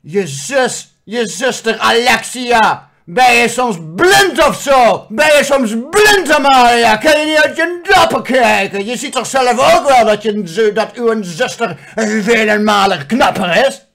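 A man voicing a blunt, scornful magic mirror that shouts slowly and loudly. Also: very high-pitched, expressive, vocal fry, pitched above the performer's own voice, heavily acted. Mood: scolding. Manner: loud, drawn-out shouting.

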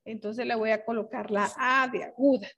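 A woman's voice: fairly high pitch, fairly even intonation, moderate pace, fairly bright tone, dull audio. A young adult woman teaching a grammar lesson in a patient, explanatory way, often checking in with her students.

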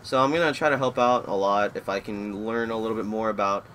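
A man's voice: lowish voice, steady tone, fairly quick, fairly bright tone, slight background noise. A man in his twenties from Florida, chatting through live gameplay commentary and rambling as the match keeps pulling his attention. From Florida, USA. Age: 20s. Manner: rambling, easily distracted by the match. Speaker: gaming YouTuber.

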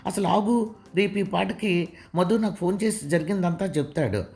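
A woman voicing a calm older father. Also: sits high, normal speed, vocal fry. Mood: reassuring. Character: older father, calm reasoning head of house. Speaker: father in the story.

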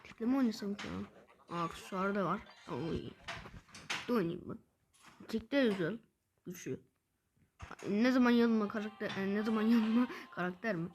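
A woman giving excited live gameplay commentary as a gaming video creator. She gets frustrated quickly and fires off repeated words in bursts. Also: medium pitch, noisy background.

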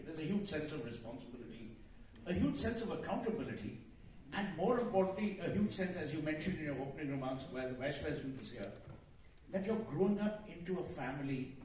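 A middle-aged man moderates on stage, phrasing his questions in smooth, measured sentences. His voice sits fairly high and sounds distant, heard from the audience in a large hall full of echo. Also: darkish tone, slight background noise. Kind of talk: live stage interview. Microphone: handheld mic, recorded from the audience. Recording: echoey hall, from far off.

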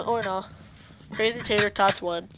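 A woman's voice: medium pitch, steady tone, a little slow. A woman chatting casually while gaming, in a slangy way full of dude and bruh. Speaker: gamer. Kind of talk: casual gaming chat during play. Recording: dull lo-fi mic with clear noise.

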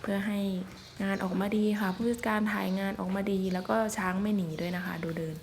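Talking fast with vocal fry, a woman narrates her outdoor forest vlog as she films elephants, her medium pitch fairly even. She chats politely and casually with frequent soft particles over slight background noise.

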